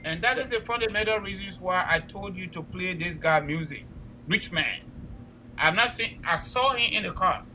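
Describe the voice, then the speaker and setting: On a rough recording with a little hiss or hum, a Liberian-accented man speaks in a high, sharp voice at a moderate pace. He co-hosts a political talk show and gives impassioned commentary, pressing his points emphatically and exhorting listeners through repeated phrases.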